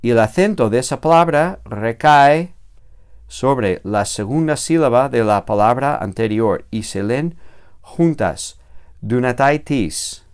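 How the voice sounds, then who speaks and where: A man's voice: medium pitch, expressive, a little slow, darkish tone, clear, resonant tone. A man teaching a recorded grammar lesson, patient and explanatory, repeating key words and checking with "¿vale?".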